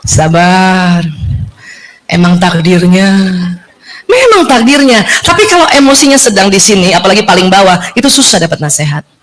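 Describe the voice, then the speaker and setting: A woman giving a lively seminar talk to a room of mothers. She laughs often, acts out the people she quotes and keeps checking that her listeners follow. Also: medium pitch, moderate pace, poor audio. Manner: addresses the audience directly with checking questions.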